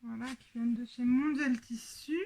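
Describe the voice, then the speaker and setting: A woman with a French accent hosting a casual sewing show-and-tell, talking with many pauses and fillers. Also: a little high, steady tone, darkish tone. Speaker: sewing podcast host.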